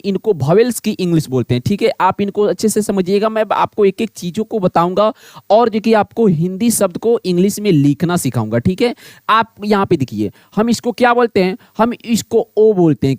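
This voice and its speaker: A man teaches a blackboard lesson. He keeps asking the class a question and answering it himself in a repetitive drill. His voice sits high and sounds dry and close, with no room echo. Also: a little mellow.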